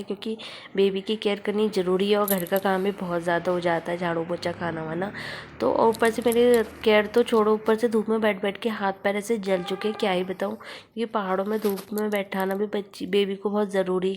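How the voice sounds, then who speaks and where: Young woman, new mother, casual vlog talk, step-by-step explaining, mid pitch, faint background hiss. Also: a little mellow. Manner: chatty, explains each step of baby care. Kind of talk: casual home vlog narration.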